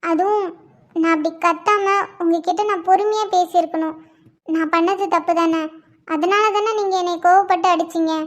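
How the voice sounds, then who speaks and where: A woman voicing Nila, a gentle, forgiving young wife and new mother in a cartoon, speaking softly and cheerfully. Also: very high-pitched, steady tone, normal speed. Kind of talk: cartoon voice acting.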